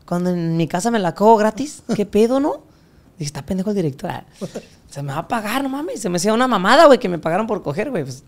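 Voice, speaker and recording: A young Mexican man, a podcast guest, telling crude stories full of profanity and acting out the voices of people he quotes. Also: high voice. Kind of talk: casual storytelling interview.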